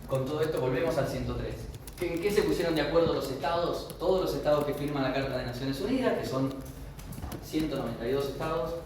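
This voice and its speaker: A man's voice: fairly high pitch, quick pace, darkish tone. Argentine man, law lecturer, explanatory tone, distant mic, very echoey room, noisy background. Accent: Argentine Spanish. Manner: explanatory, with frequent checks of "¿sí?". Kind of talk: university lecture. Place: classroom.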